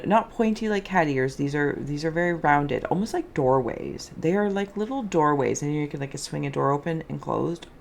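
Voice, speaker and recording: A soft-spoken woman hosts an improvised spiritual tarot and scrying reading, talking in a dreamy, meandering, alliterative way. Her voice sits low and is creaky, with a slight hiss or hum in the audio.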